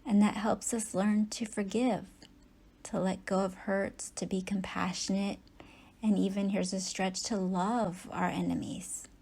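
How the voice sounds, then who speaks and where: A woman guides a meditation very slowly, offering short phrases separated by long pauses and giving gentle, unhurried instructions. Her medium-pitched voice is mellow and relaxed, with a soft, husky breathiness.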